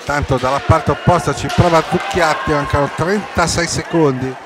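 An Italian man giving excitable live sports commentary, shouting and stretching players' names, recorded in a noisy sports hall. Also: on the high side, moderate pace. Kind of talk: live roller hockey match commentary. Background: crowd and rink noise.

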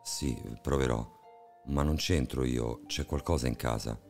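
A man voicing a frightened, weary middle-aged man who is haunted in his own home, speaking slowly in a hushed voice. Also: rumbling low, faint music behind.

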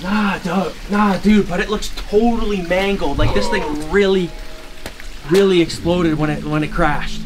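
A young man hosting an outdoor vlog in a forest, exclaiming excitedly in casual slang, recorded on a handheld camera mic. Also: high-pitched, a little slow, background noise. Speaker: vlogger host. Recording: background music under speech.

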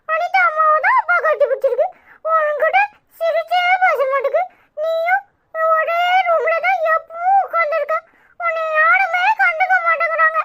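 A woman voicing a sulky, tearful little boy in a Tirunelveli Tamil accent for a cartoon. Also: noisy background. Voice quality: very high, childlike. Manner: whiny pleading, near tears. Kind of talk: cartoon comedy voice acting.

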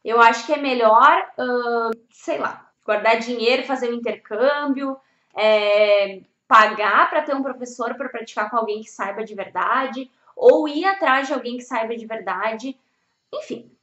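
A young Spanish teacher gives a casual video lesson on language learning, blunt and emphatic and swearing freely. Her voice is a little high, unhurried and a bit bright, recorded in an echoey room with slightly dull audio.

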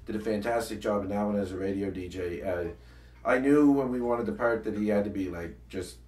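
Rambling man, deep, echoey room. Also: fairly quick, darkish tone, distant mic. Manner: rambling, restarts sentences often. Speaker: co-host of a comedy web series. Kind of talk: casual chat. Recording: echoey room, voice a bit off-mic.

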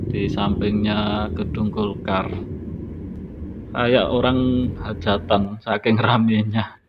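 A man giving relaxed, unhurried commentary while driving at night, recorded on a phone in a car. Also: fairly low pitch. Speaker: driving vlogger. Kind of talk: casual narration while driving. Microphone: phone in a dashboard holder. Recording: dull lo-fi phone audio with loud road noise.

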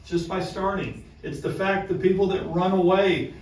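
A man's voice: high-pitched, steady tone, normal speed, a little mellow. A man presenting a self-help lesson to a small group, emphatic and repeating his key points. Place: room with a small live audience. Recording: echoey room from far off, faint noise.

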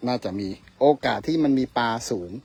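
A man's voice: medium pitch, brisk, creaky, husky, no room sound. Chatty man fishing by a river. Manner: chatty, addresses viewers directly, tags lines with polite particles. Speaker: fishing vlogger. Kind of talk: casual outdoor fishing commentary. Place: riverbank outdoors at dusk.

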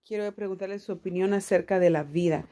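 A woman chats casually over a video, pausing to repeat each line in her own words. Her voice sits in an ordinary middle pitch. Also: fairly even intonation, warm tone, soft background music. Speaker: video commentator translating a clip. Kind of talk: casual commentary and live translation.

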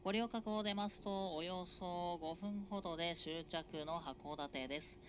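A male train conductor with a voice that sits high makes formal, measured announcements over an express train's PA, drawing out his phrases. Recorded from a passenger seat, the onboard audio is dull and noisy.

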